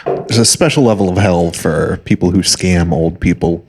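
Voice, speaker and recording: A man's voice: deep voice, moderate pace, a little mellow, a little hiss or hum. A man co-hosting a podcast, making wry, joking comments in casual chat. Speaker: podcast co-host.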